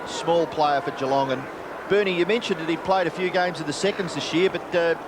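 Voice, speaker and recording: A man's voice: on the high side, brisk. An Australian man calling a football match live as play-by-play commentator. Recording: roaring stadium crowd, very noisy broadcast. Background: loud crowd.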